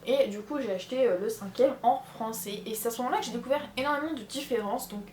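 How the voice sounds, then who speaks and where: A young woman's high voice moves quickly and sounds a little mellow, recorded with a roomy sound and a bit of hiss or hum. A vlogger from France with a Charente accent, she chats casually from her bedroom answering viewer questions, rambling with many fillers and self-corrections.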